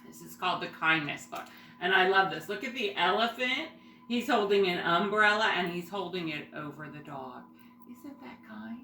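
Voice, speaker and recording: A woman's voice: lowish voice, normal speed, sharp tone. A woman teaching young children, reading aloud and talking to them in simple phrases and questions. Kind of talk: singing greeting and read-aloud lesson for young children. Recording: roomy echo, faint background noise.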